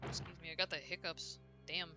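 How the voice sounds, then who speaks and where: A woman's voice: fairly low pitch, little pitch movement, a little fast, over music. A woman streaming a horror game, chatting casually and reacting aloud as she plays, self-deprecating and talkative. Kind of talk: casual gameplay commentary.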